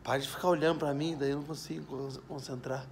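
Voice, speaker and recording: A Brazilian man giving a casual, playful video lesson in English from his backyard. He says the English examples slowly and clearly. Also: on the high side, fairly even intonation, slight background noise. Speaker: English teacher. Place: home backyard, outdoors.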